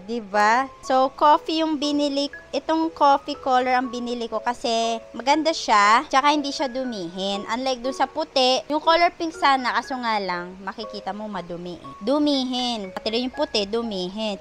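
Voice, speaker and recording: A young woman with a Filipino accent and a high voice chats casually for her vlog at home. She coos to her dog in baby talk. Faint music plays under her voice. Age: young adult. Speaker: vlogger.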